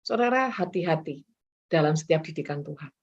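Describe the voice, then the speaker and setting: A middle-aged woman evangelist, preaching a sermon in a lively way and acting out quoted voices as she speaks straight to her listeners. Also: deep voice, fairly quick, husky. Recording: dull muffled recording.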